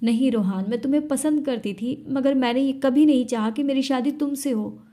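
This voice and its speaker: A woman's voice: high voice, moderate pace, warm tone, pitched above the performer's own voice. A woman voicing a desperate young woman who begs and defends herself in an audio story. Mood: pleading. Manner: begging, tearful.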